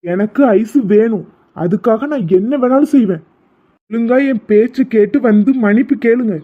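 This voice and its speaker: A man's voice: high-pitched, moderate pace. A man voicing a desperate, lovesick younger son who pleads and then turns fierce and bitter. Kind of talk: Tamil cartoon voice acting. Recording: tinny phone-like lo-fi audio.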